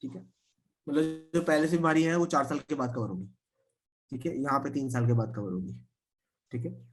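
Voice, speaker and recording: A man with a medium-pitched voice runs an insurance training session at normal speed. He explains policy points confidently and often says "theek hai" to check that everyone is following.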